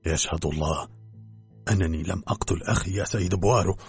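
A man voicing an agitated young man accused of murder, in a lower, husky voice. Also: fast talker, faint music behind, full character voice. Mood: protesting. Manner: agitated, protesting.

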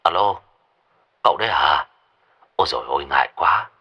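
A man voicing a hurried village monk with an urgent, rushed delivery. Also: extremely low pitch, animated, pushed and bright, husky, highs cut off, voice pushed down, full character voice. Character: hurried middle-aged male village monk.

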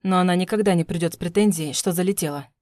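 A woman's voice: on the low side, fast talker, a little mellow, no room sound, clean studio sound, natural voice. A woman voicing a cold, menacing husband. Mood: coaxing, menacing. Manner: smooth, coaxing, then threatening through teeth. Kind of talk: audiobook narration.

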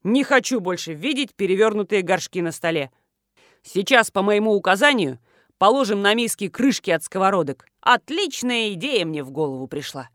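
A woman voicing a gruff, bossy middle-aged male colonel who grumbles and is pleased with himself. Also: medium pitch, sing-song, fairly quick, hardly any pauses, bright, forceful tone, no echo, clean studio sound. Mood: irritated. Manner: grumbling, self-satisfied.

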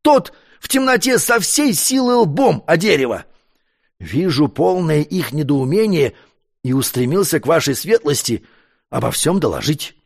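Flustered old servant, stammers, rises in pitch when scared, as a narrator puts him on. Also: male voice, big pitch swings, measured pace, creaky, husky, exaggerated voice. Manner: stammering, breathless reporting. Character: terrified stammering old household butler.

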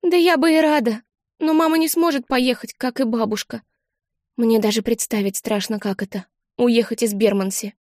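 A woman reading an audiobook and voicing a young girl, a scared schoolfriend who talks in a high, breathless, shaky way. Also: fairly even intonation, normal speed, darkish tone, no room sound, clean studio sound, close to an everyday voice. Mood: wistful.

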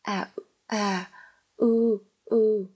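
A woman voicing an anxious middle-aged farm wife in a storybook reading, fumbling for words, with a husky, breathy voice. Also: high-pitched, moderate pace, mellow.

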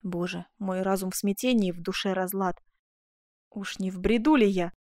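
A woman's voice: mid-range voice, moderate pace, a little mellow, dry recording, clean studio sound, natural voice. A woman voicing an earnest, torn young man. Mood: torn, pleading. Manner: agitated, pleading.

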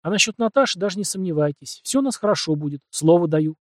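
A man's voice: sits high, expressive, quick pace, darkish tone, dry recording, clean studio sound, voice pushed up. A man voicing a tough young warrior who speaks bluntly and curtly. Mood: firm. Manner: blunt and curt.

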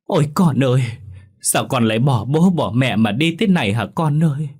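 A man's voice: mid-range voice, expressive, normal speed, a little mellow, husky, pitched above the performer's own voice. A man voicing a grieving village mother who wails over her dead son in a told ghost story. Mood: wailing grief. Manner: wailing lament.

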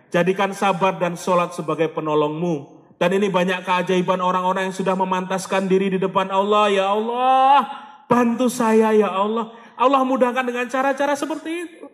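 A man giving an animated motivational sermon, dropping in Javanese and Arabic phrases and acting out people praying. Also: high-pitched. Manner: animated, acts out voices of people praying and pleading. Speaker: motivational preacher. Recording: long hall reverb.

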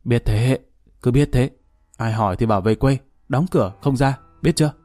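A stern, commanding older mother, as a male storyteller reads her. She talks in curt, decisive orders. The tone is mellow and dark, with a dry, close sound. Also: mid-range voice, normal speed, no room sound, faint music behind, lightly acted. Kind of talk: storybook reading.

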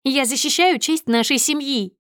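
A woman reading an audiobook voices a furious, spiteful young wife. She shrieks high and loud, then drops to a venomous hiss. The sound is dry and close, with no room around it. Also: moderate pace, no room sound. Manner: shrieking, hissing threats. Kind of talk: audiobook character voice.

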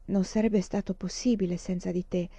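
A woman reading the lines of a gentle blind teenage girl about to leave home, softly and wistfully. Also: lowish voice, fairly even intonation, moderate pace, slightly rough, dry recording. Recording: dull lo-fi dry recording.

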